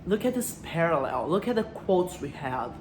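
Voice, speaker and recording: In a literary commentary video with read-out quotes, a woman host reflects aloud and puts rhetorical questions to her audience. She speaks at a moderate pace with a fairly low, sing-song voice. There's a roomy echo and some faint background noise.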